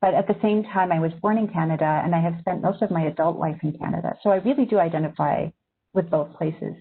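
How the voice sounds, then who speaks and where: This magazine editor, who grew up in Syria, talks fast in a lowish, creaky voice with a breathy edge. Over tinny video-call audio, she gives journalism students a thoughtful, reflective webinar talk.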